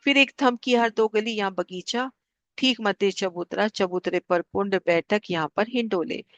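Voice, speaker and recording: A woman leads a devotional lesson in a steady, guiding voice and says the important figures twice. Her voice sits at an ordinary middle pitch. The sound is close and dry, with no room around it. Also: moderate pace, no echo. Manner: calm, guiding, repeats figures for clarity. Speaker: spiritual class teacher. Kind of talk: devotional lesson explaining maps.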